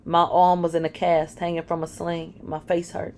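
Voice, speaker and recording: Woman telling a dark story in first person. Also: fairly low pitch, completely flat delivery, moderate pace. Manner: emotional, blunt, with swearing. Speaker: narrator.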